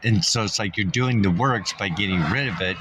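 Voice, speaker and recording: A male vlogger with a very low voice rambles briskly through a casual monologue, thinking aloud with many ums, fillers, and restarts. Congested from dust, he coughs and clears his throat now and then. He's sitting somewhere dusty, maybe a car, with faint ambience and background noise underneath.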